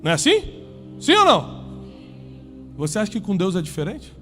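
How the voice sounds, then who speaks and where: A man preaching to a live congregation in a high, ringing voice. He speaks emphatically, swinging between loud climaxes and low, quiet stretches. Soft music plays faintly underneath. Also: wildly swooping pitch, fairly quick. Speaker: pastor.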